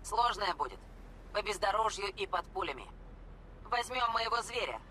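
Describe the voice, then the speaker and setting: A woman's voice: medium pitch, animated, moderate pace, sharp tone. Game racer: tough desert woman, clipped, dry-humoured, noisy vehicle backdrop. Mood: dry, confident. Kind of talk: video game dubbing. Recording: clear outdoor and engine noise.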